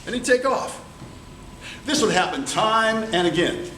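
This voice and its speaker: A man telling a tall tale as a contest storyteller, theatrical and deliberate, with dramatic pauses. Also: high-pitched, expressive, pushed and bright. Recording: distant, echoey room with background noise.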